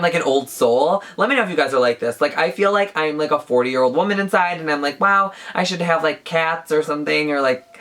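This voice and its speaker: A beauty YouTuber in her twenties chats casually through a Q&A vlog, saying "like" a lot. Her voice sits low with a fairly bright tone.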